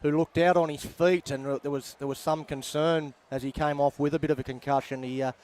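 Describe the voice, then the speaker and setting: A man with an Australian accent calling a football game outdoors, measured and wry, with plenty of pauses. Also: on the high side, fairly even intonation, darkish tone. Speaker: play-by-play commentator. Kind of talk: sports commentary wrap-up. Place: outdoor sports ground.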